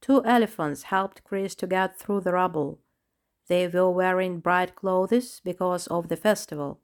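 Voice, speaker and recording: A woman narrating a children's storybook with a steady, clear reading. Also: lowish voice, unhurried.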